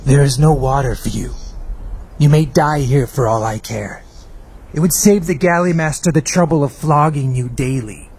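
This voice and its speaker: A man's voice: fairly high pitch, normal speed, slight background noise, natural voice. Man playing a brutal barking Roman galley master. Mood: cruel contempt. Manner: harsh galley-master commands, barked and shouted. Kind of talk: dramatised historical audio drama.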